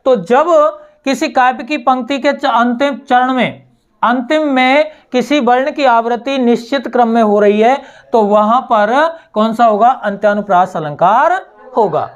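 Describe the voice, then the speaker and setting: A woman teacher giving a slow classroom explanation, asking her students questions and answering them herself, repeating key words. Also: on the high side, muffled recording. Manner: recites verse lines slowly, word by word.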